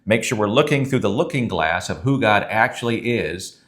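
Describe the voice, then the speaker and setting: Earnest low-voiced male pastor. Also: expressive, normal speed, noisy background. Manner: conversational, earnest, reads scripture aloud. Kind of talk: recorded sermon teaching.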